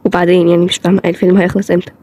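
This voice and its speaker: A woman with an Egyptian accent voicing a feisty, sharp-tongued young woman in a fan drama. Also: lowish voice, flat delivery, rapid-fire, natural voice. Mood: baffled. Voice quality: sarcastic, snappy. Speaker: voice actor of a fan toy-game drama.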